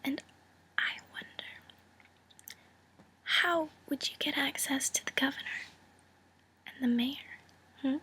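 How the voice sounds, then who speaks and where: A woman playing a cool, calculating female mobster in a whispered role-play, breathy, teasing and condescending, delivering a friendly threat. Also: sits high, fairly even intonation, slow pace, pauses often, pushed and bright, full character voice. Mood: veiled threat.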